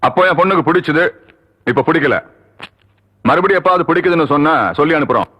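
A cold dismissive landlord. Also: male voice, on the high side, fast, a bit bright, husky. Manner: curt, dismissive, threatening. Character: cold arrogant village landlord, middle-aged. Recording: reverberant muffled film soundtrack.

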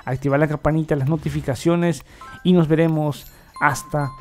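A man hosting a software tutorial, explaining each step as he clicks through, often repeating set phrases. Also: on the high side, fairly even intonation, moderate pace, soft background music. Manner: repetitive, filler-heavy demo talk. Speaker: tech tutorial host. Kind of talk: screen-recorded software tutorial.

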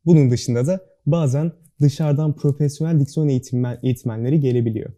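A man's voice: mid-range voice, fairly quick, dark tone. A young man answering interview questions as a student club guest, speaking with careful, precise diction in an earnest, formal manner. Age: young adult.

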